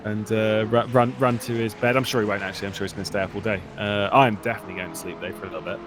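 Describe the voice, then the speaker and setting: A man's voice: fairly low pitch, racing, music in the background. A man commentating an online race broadcast in a casual, chatty way, laughing and restarting his sentences. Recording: steady background noise.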